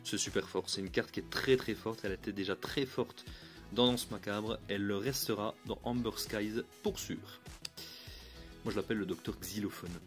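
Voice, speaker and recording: A man's voice: fairly low pitch, moderate pace, faint music behind. A man giving a casual, upbeat card review. He talks in a chatty way, often restarts mid-phrase and chuckles lightly.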